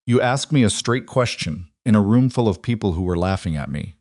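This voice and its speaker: A man voicing a determined woman rancher in an audiobook, speaking calmly and precisely. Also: on the low side, fairly quick, no room sound, studio quality, lightly acted. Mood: steady. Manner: calm, precise, matter-of-fact. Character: determined woman rancher, quietly sure of herself. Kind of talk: audiobook narration.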